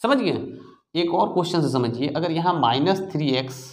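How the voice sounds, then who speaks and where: A maths teacher with a fairly high, very lively voice that jumps up and down as he talks to his students. He explains each step slowly, checks that the children follow, and answers his own questions. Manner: asks the class questions and answers them himself. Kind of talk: classroom maths lesson.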